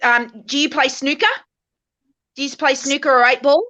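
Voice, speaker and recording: A woman's voice: high-pitched, steady tone, moderate pace, sharp tone. An Australian woman chatting casually, cheeky and brash with bawdy humor. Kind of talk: casual chat.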